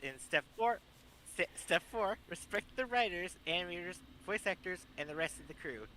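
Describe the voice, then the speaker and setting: A man's voice: sits high, expressive, moderate pace, pushed and bright. A man co-hosting a casual podcast chat, often stammering and restarting his sentences. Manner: stammering restarts, reads out lists. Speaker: podcast co-host.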